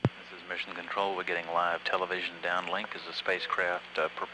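A man giving measured, matter-of-fact mission commentary as a control room announcer, halting at times. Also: low voice, little pitch movement, heavy background noise. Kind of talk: public affairs mission commentary.

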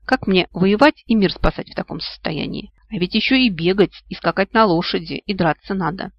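A reader narrating a first-person fantasy audiobook in a lively way, exclaiming when voicing the heroine. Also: medium pitch, a little fast, dry recording. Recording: dry, muffled, dull-sounding recording.

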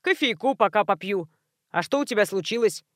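A woman doing a gruff shouting male neighbor. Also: medium pitch, expressive, fairly quick, no echo, studio quality, close to an everyday voice. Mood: grumbling. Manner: shouting, coarse and dismissive. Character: rude gruff middle-aged male neighbor.

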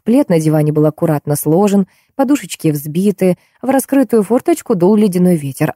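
A woman narrating a first-person audiobook with an expressive, animated delivery. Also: fairly low pitch, no echo, studio quality.

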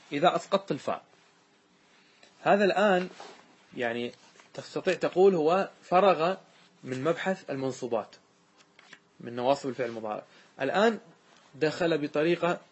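Husky sheikh teaching grammar. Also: male voice, mid-range voice. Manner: explains step by step, quizzing students and repeating examples. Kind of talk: classroom grammar lesson.

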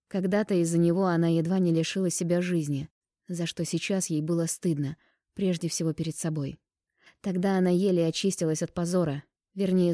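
A woman narrating a romance novel as an audiobook in a calm, even storytelling manner. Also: on the low side, no echo, studio quality.

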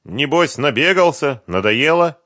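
A man's voice: fairly high pitch, expressive, unhurried, bright, forceful tone, no room sound, studio quality, voice pushed up. A man voicing a scornful, menacing gangster boss in an audiobook, taunting and barking demands. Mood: mocking.

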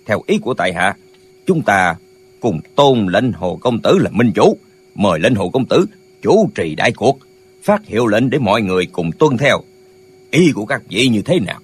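Old wuxia hero read by a man, husky, lively intonation, persuasive. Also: fairly low pitch, normal speed. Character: old male martial-arts hero proposing a leader. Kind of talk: audiobook character voice.

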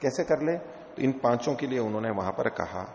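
Man, scripture teacher, gravelly voice, explanatory lecture, rhetorical questions, roomy hall echo, faint background noise. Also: medium pitch, lively intonation, brisk, a little mellow. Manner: chants Sanskrit verses between explanations. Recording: echoey hall, dull lo-fi sound.

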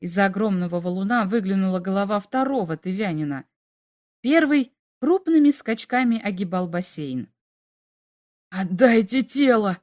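A woman narrating a story aloud in a lively, animated way. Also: medium pitch, moderate pace. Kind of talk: expressive storytelling.

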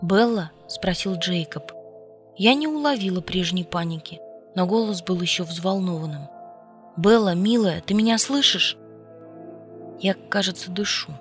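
A woman narrating a story in the first person, in an intimate storytelling manner. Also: on the low side. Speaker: audiobook reader. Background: faint music.

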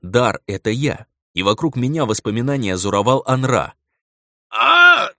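A man reading a first-person audiobook in a dramatic, expressive way. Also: mid-range voice, fairly quick, no echo, clean studio sound. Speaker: audiobook narrator.

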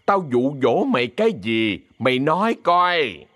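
A man voicing a fierce older woman who runs a theater troupe, cursing and yelling threats in a Southern Vietnamese accent. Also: mid-range voice, lively intonation, moderate pace, no room sound, natural voice. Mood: indignant.

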